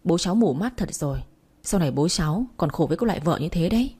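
A woman's voice: on the low side, lively intonation, fast, warm tone, slightly rough. A woman voicing a caring, protective old grandmother in a Vietnamese audio story, defending her grandchild and scolding others. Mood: comforting.

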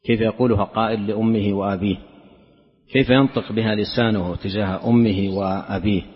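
A man giving a religious lesson, explaining a narration in a measured way and often repeating or restarting words. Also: on the low side, fairly even intonation. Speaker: Islamic scholar teaching a lesson. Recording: dull lo-fi lecture recording with long hall reverb.

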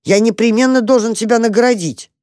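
A reader voicing an old gentleman mole, pompous yet kindly and easily moved to tears, in a storybook reading. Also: medium pitch, fairly quick, no echo, clean studio sound, voice pushed up, natural voice. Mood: excited.

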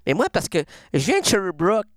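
A performer voicing an excitable, rambling female caller with a Quebec French accent in a comedic radio sketch. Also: mid-range voice, normal speed, dry recording, clean studio sound. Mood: gushing. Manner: gushing, giggly, rambling.

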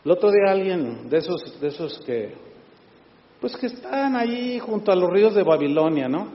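High-voiced pastor preaching in a hall. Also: male voice, very animated, normal speed. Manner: conversational preaching, mimics critics' voices, rhetorical asides. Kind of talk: sermon. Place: large church hall. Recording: echoey hall, slightly dull sound.

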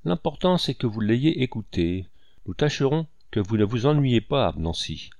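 A man reading an audiobook and voicing a composed, gently ironic young lady of the house. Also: mid-range voice, very animated, moderate pace, no echo, highs cut off. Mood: poised.

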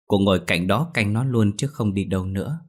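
A man reads a first-person ghost story in a steady, earnest way. His voice is deep and low. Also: brisk. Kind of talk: scripted ghost story narration.

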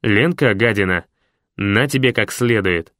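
A man's voice: on the low side, unhurried, sharp tone, no echo, studio quality. A man doing a crude sadistic machine. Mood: rude.

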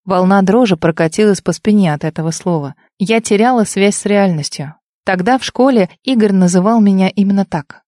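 A woman's voice: medium pitch, brisk, warm tone, dry recording, clean studio sound. A woman reading a first-person novel aloud as an audiobook narrator, with an emotional, intimate storytelling manner.

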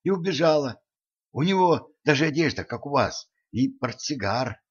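A man voicing a lively, quick-witted young woman, raising his voice higher and talking eagerly. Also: slightly rough, dull audio.

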